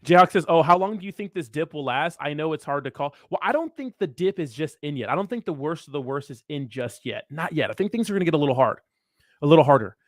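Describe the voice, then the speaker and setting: A man's voice: fairly high pitch, expressive, fast talker, no room sound, clean studio sound. A man hosting a casual livestream, talking with hyped frat-bro slang and swagger. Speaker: crypto livestream host.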